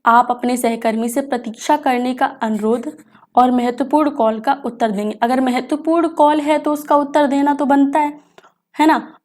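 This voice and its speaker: A woman teaches an exam revision class in a high, bright voice. She reads each question slowly in English and then explains it quickly in Hindi. She keeps asking the class questions and then answers them herself.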